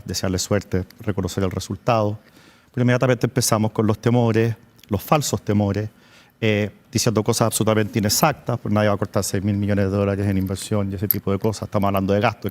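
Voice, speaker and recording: A man's voice: lowish voice, level tone, fast. A Chilean man speaking as a political panelist in a debate, in a critical, reproachful manner.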